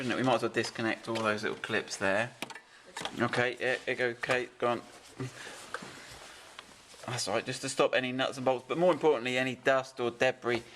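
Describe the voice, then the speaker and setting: A man presents a car fitting video, casually explaining the job step by step while directing helpers beside an open engine bay. His voice is medium-pitched with a fairly bright tone, and there's a little hiss or hum.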